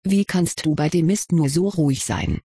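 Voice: medium pitch, moderate pace, mellow, husky, no echo. A reader doing a fiery schoolgirl witch, Winona. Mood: indignant. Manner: blunt and indignant. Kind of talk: audiobook reading.

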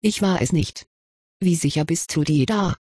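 A reader voicing a curious, kindly male wizard professor in an audiobook, questioning gently with mild amusement. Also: mid-range voice, normal speed, slightly rough, no echo, lightly acted. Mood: probing. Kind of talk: audiobook character reading.

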